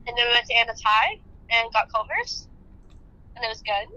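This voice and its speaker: A woman's voice: on the high side, lively intonation, moderate pace, bright, forceful tone. A young woman on a phone call played over speaker, chatting casually and rambling with lots of fillers. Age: young adult. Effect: heard over a phone on speaker. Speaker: phone-in guest. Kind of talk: casual storytelling. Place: outdoors in the rain. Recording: muffled phone speaker audio.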